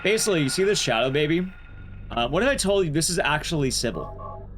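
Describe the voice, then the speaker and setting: A speedrunning streamer narrates his game in a fast, sing-song voice pitched fairly high, and there's background noise along with the game music. His commentary is casual, rambling, and playful as he explains things.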